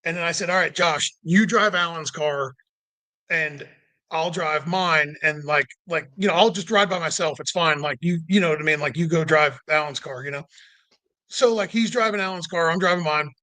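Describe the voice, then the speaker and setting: A man's voice: a little high, moderate pace, pushed and bright. A man telling a long road-trip story in casual chat, rambling with lots of "like" and acting out the dialogue. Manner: rambling, heavy use of "like"; acts out quoted dialogue. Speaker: podcast guest.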